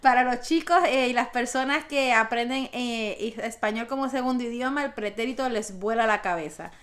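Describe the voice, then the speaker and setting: A woman's voice: on the high side, moderate pace, fairly bright tone. A woman teaching a grammar lesson, patiently explaining step by step with spoken examples. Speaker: Spanish teacher.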